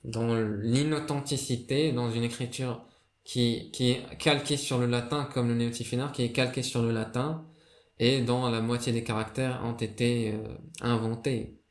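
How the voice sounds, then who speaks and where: A man's voice: mid-range voice, flat delivery, moderate pace. Hesitant man teaching, roomy echo. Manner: hesitant, many fillers and restarts. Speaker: video creator explaining a writing system. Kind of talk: casual spoken lesson.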